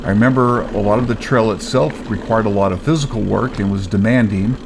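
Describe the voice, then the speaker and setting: A man's voice: fairly low pitch, a little fast, gravelly, background noise. Man in his fifties talking outdoors on a bike trail. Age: 50s. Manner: relaxed, rambling with fillers. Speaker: vlog host, mountain biker. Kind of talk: casual trail commentary.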